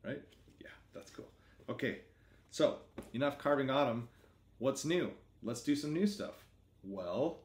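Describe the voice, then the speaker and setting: A man's voice: fairly low pitch, a little mellow, roomy sound. A middle-aged man casually showing off and chatting about his new merchandise designs, enthusiastic and full of self-corrections. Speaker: artist presenting his merchandise. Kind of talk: casual product preview vlog.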